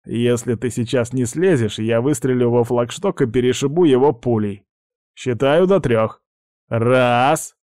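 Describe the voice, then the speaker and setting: A man's voice: mid-range voice, a little slow, a little mellow, no echo, clean studio sound, close to an everyday voice. Man playing a brash, cocky pirate. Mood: threatening. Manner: brash, commanding. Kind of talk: audiobook reading.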